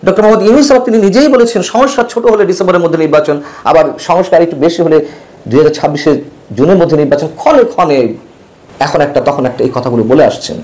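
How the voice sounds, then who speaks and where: A man's voice: on the high side, expressive, very fast, a little mellow, poor audio. A man hosting a talk show, delivering a rhetorical, emphatic political commentary monologue in Bangladeshi Bengali. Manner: rhetorical, emphatic, lists names from memory.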